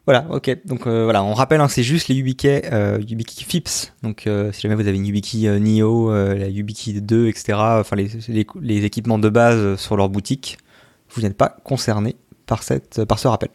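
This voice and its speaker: Low-voiced chatty man with dry sound. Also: steady tone, brisk, a little mellow, dry recording. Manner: chatty, hesitant, many fillers. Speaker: podcast host. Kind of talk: casual tech podcast chat. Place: lives in Sweden.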